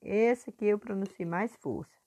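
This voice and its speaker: A woman teacher recording a lesson review for her pupils, patient and clear, stretching words out to stress syllables. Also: medium pitch, normal speed, mellow.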